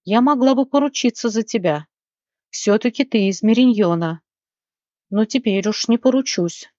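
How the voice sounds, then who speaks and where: A woman's voice: fairly high pitch, normal speed, darkish tone, no room sound, natural voice. A woman reading an audiobook, voicing a scolding, smug fairy woman. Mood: cross. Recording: dry, slightly muffled recording.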